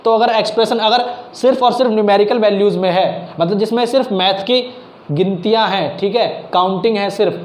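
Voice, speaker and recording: A man's voice: high voice, a little fast. A man teaching math in a casual classroom style, explaining step by step and mixing English math terms into his talk. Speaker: math tutor. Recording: echoey room, faint background noise.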